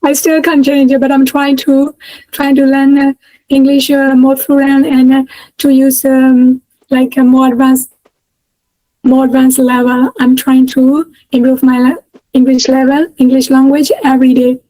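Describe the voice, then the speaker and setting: Her high voice is monotone and mellow, and she keeps a measured pace. She is a Burmese-accented woman from Myanmar in her thirties, a guest in a casual video-call interview who answers haltingly with many fillers and restarts. The recording is dry and low in quality.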